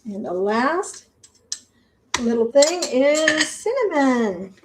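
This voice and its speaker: High-voiced older woman chatting while cooking. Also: sing-song, slow, noisy background. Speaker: vlogger. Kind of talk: casual cooking vlog. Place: home kitchen.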